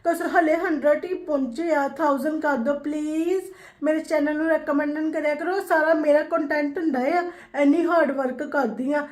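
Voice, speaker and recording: A woman's voice: sits high, steady tone, normal speed. A woman with a Punjabi accent chatting casually to viewers in a daily vlog, mixing in English phrases. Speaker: vlogger. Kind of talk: casual chat to viewers about daily routine.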